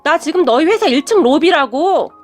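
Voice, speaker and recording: A woman reading as a shouting snobbish mother. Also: high voice, expressive, moderate pace, faint music behind, pitched above the performer's own voice. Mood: angry, scornful. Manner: shouting, contemptuous. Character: furious snobbish middle-aged mother of a boyfriend.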